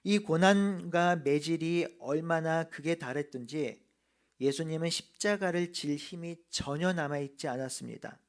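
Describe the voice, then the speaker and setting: A male pastor delivers an earnest sermon in a slightly high voice. He slows down to lean on the key phrases. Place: church.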